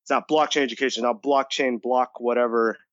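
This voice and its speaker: A man's voice: mid-range voice, steady tone, a little fast, a bit bright, no room sound, lo-fi sound. A young man from the United States, an enthusiastic podcast guest talking casually with lots of fillers. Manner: enthusiastic, talkative, many "like" fillers. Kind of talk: casual interview talk.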